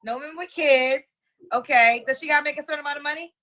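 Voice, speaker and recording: A woman hosting a live-stream dating interview, firing off quick questions and repeating the answers back. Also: high voice, sharp tone.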